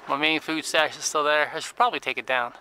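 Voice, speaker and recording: A man's voice: fairly high pitch, fairly even intonation, fast, sharp tone, a little hiss or hum, rough recording. A man narrating casually to camera while hiking through a forest and checking a shelter, thinking aloud with many fillers. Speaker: outdoor vlogger. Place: outdoors in a forest and inside a tarp shelter.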